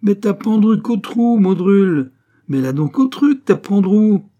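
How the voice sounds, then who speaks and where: A man's voice: medium pitch, normal speed, dark tone, husky, muffled recording. A man voicing a pipe-smoking young male art student who badgers his friend over and over. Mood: nagging. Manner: insistent, repetitive badgering.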